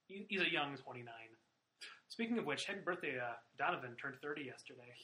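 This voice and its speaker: A man's voice: medium pitch, animated, a little fast, bright, forceful tone, slight background noise, low-quality recording. A man hosting a casual sports podcast, talking loosely with lots of fillers and swearing. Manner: loose, profane, filler-heavy. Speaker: podcast host.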